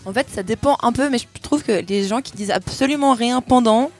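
A woman's voice: a little high, a little fast, faint music behind. A woman guest chatting in a studio, tentative and often trailing off. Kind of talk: casual studio chat.

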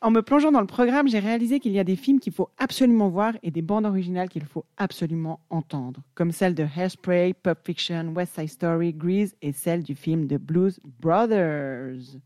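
A woman's voice: fairly low pitch, moderate pace, hardly any pauses, dark tone, dry recording, clean studio sound. A young woman presenting an enthusiastic music chronicle on the radio.

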